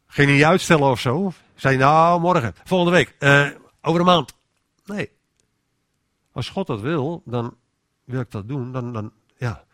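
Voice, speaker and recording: A man's voice: medium pitch, a bit bright, no room sound, studio quality. A man giving an informal sermon in a conversational way, often restarting his sentences and acting out inner voices. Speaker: preacher.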